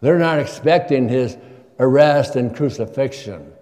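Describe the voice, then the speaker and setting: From the church pulpit, an older guest preacher asks his congregation questions in an easy, conversational sermon. He speaks unhurriedly in a mid-range, darkish voice, and the room adds a long church reverb.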